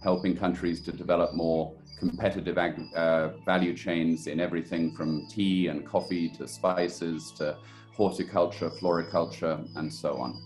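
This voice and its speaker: An older man being interviewed in a webinar, answering at a measured, thoughtful pace with frequent pauses and fillers. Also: deep voice, fairly even intonation, a little mellow, soft background music. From born in Sri Lanka, raised in India. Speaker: guest, chamber committee head and organic estate director.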